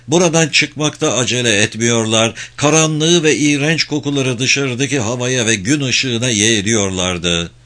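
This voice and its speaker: A man narrating literary fiction as an audiobook, in a slow, measured, somber way. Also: mid-range voice, fairly bright tone.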